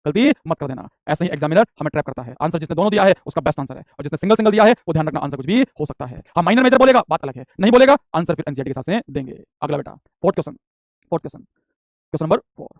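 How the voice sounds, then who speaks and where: A man's voice: on the high side, racing, no room sound, clean studio sound. A man teaching biology in a live exam-prep class, drilling points with lots of repetition. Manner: energetic, repetitive drilling, calls students beta.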